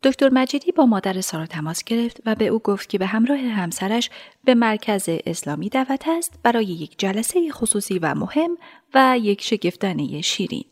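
A woman narrating a radio drama calmly and evenly. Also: mid-range voice. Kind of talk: scripted narration.

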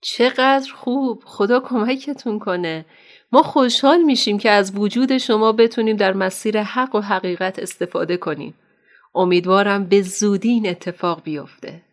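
A motherly woman doctor and counselor, played by an actress in a radio drama. She speaks gently and affectionately, with a voice of middling height, and she sounds kind and reassuring. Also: medium pitch, close to an everyday voice. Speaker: counselor at an Islamic center.

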